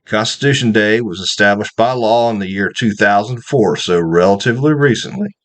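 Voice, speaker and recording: A man's voice: on the low side, brisk. A man hosting a radio commentary, reading passages aloud and then repeating them with his own remarks and small fillers. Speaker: radio host.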